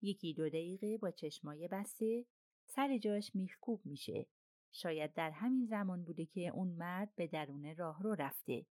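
Poirot, a woman reading a calm reasoning detective. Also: fairly low pitch, dry recording, clean studio sound, natural voice. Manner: measured and explanatory.

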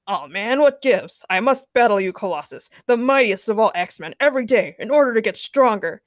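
A woman voicing a brash, fight-hungry male street fighter, loud and pushy. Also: mid-range voice, fairly quick, no room sound, studio quality, natural voice. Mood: eager.

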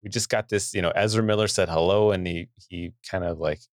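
Man, podcast host, easygoing, fairly low voice, dry close sound. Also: fairly even intonation, a little fast, dry recording. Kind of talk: casual chat.

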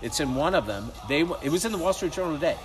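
A man's voice: fairly high pitch, very fast, loud music behind the voice. A man chatting among friends on a casual podcast, swearing and telling stories. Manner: swearing, lively storyteller. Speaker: podcast co-host. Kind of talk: casual chat.

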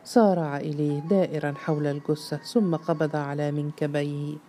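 Low-voiced woman narrating a novel. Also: steady tone, warm tone, faint music behind. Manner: measured, dramatic storytelling.

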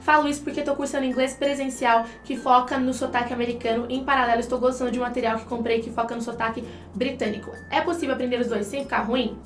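A Brazilian English teacher co-hosting an online lesson talks fast to her viewers, addressing them directly and using examples to explain. Her voice is a little high with fairly even intonation. The sound is roomy, and soft music plays underneath.

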